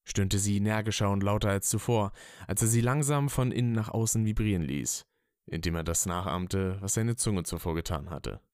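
A man narrates a written story with a steady, even reading. His voice is very low and smooth, recorded dry and close with no room sound. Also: moderate pace, no echo. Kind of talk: scripted narration.

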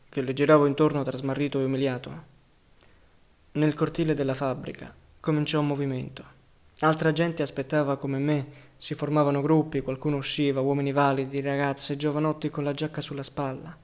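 A man reading a novel aloud as an audiobook narrator, calm, measured and quiet. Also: a little high.

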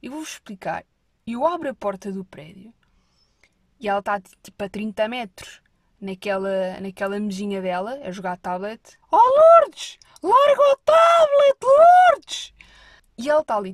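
A woman's voice: fairly high pitch, no echo. A woman with a European Portuguese accent, telling a rambling comic story to her viewers, with whispered asides. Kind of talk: casual comic monologue.

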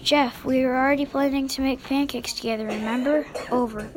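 A woman's voice: high-pitched, steady tone, fairly quick, a little mellow, a little hiss or hum, natural voice. A woman voicing a cheerful nine-year-old girl who speaks in a chirpy way, signing off like on a radio, in a storybook read-aloud.

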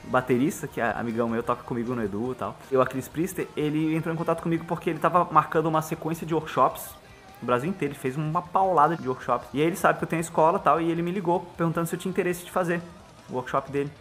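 A Brazilian man, a musician guest on a podcast, talking casually and fast, acting out little bits of dialogue as he explains. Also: on the high side, faint music behind. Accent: Brazilian Portuguese. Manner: fast, animated, acts out dialogue.

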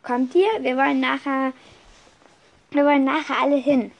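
Woman doing a chatty schoolgirl witch from a storybook, a bit high, eager and kinda flustered. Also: flat delivery, normal speed, dull audio. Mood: conspiratorial. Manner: eager, explaining, a little flustered.

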